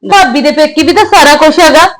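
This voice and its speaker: Young actress as high-pitched Punjabi daughter, tearful and pleading, then reproachful. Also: female voice, fairly quick, lightly acted, low-quality recording.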